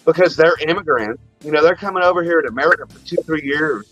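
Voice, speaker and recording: A man's voice: on the high side, fast, fairly bright tone, dull audio, soft background music. A man co-hosting a podcast, telling a long story in crude casual chat, rambling, trailing off and restarting. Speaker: podcast co-host.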